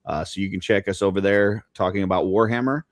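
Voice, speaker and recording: A man in his forties co-hosting a casual chat, relaxed and halting as he talks. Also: deep voice, dry recording, muffled recording. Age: 40s. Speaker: co-host.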